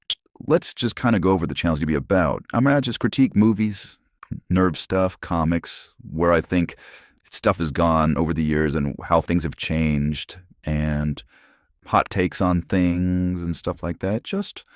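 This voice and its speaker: A man's voice: unhurried, dry recording, studio quality. A man in his forties from Arizona, talking through a voice changer, rambling casually with many restarts into a phone. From Arizona, USA. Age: 40s. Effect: voice changer, pitched very deep. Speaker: channel host.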